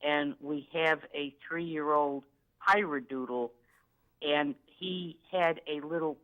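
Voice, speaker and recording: A woman's voice: low voice, steady tone, slow pace, phone-quality sound. A woman in her sixties calling in to a vet show, polite and a little hesitant, with frequent "uh" fillers. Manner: polite, hesitant, uses "uh" and "yes, sir". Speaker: caller.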